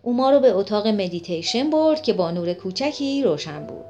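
Woman narrating a story over soft music. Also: mid-range voice, lively intonation. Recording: faint music behind the voice.

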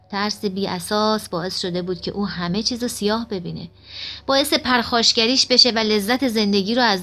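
A woman narrating a story in steady, expressive storytelling. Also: medium pitch. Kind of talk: audiobook narration.

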